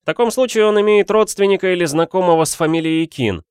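A man's voice: high-pitched, quick pace, a little mellow, clear, resonant tone, no room sound, clean studio sound, pitched above the performer's own voice, lightly acted. A man voicing a suspicious young male student who grumbles and insists. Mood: insistent.

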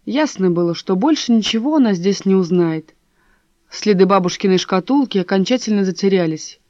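A woman's voice: medium pitch, animated, moderate pace, a little mellow, dry recording. A woman reading a story aloud as narrator, on a dull, dry recording. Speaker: audiobook reader. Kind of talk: scripted narration.

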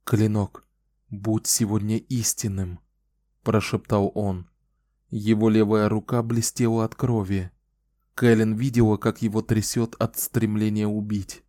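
A male audiobook narrator who tells the story at a measured pace in a low, mellow voice. The recording is dry and close, with no echo. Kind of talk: scripted narration.

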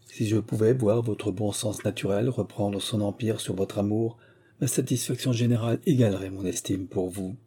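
A man voicing a gentle, tender but firm young woman in an audiobook, reading her replies earnestly and with restraint. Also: fairly low pitch, steady tone, normal speed, husky.

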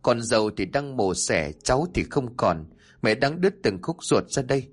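A man's voice: mid-range voice, lively intonation, moderate pace, breathy edge. Man doing a wailing, scheming old mother-in-law. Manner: wailing, theatrical lamenting. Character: scheming older mother-in-law, fake-grieving, shrill.

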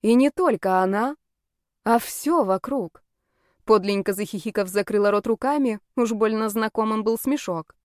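A woman reading a first-person fantasy audiobook with lively, wry storytelling. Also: mid-range voice, normal speed, no echo, studio quality. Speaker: narrator.

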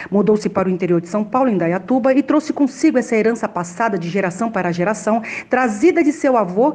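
A woman's voice: mid-range voice, darkish tone. A Brazilian woman hosting a conversational podcast, introducing a guest and often tagging her phrases with little check-in questions. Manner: frequent "né" tags. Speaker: host.

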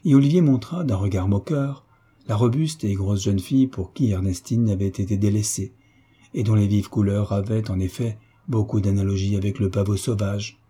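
A man narrating a classic novel as an audiobook, measured and steady. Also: on the low side, husky.

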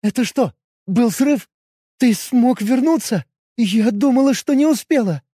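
A man's voice: high-pitched, normal speed, warm tone, no room sound, clean studio sound, pitched above the performer's own voice. A man voicing a frightened young woman in an audiobook, anxious and near tears. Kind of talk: audiobook character voice.

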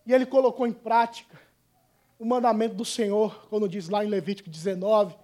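A fiery male pastor, preaching in a church. His talk is colloquial and punchy, and it swings between shouted lines and hushed asides. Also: high-pitched, fairly even intonation, fairly quick. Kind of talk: sermon.

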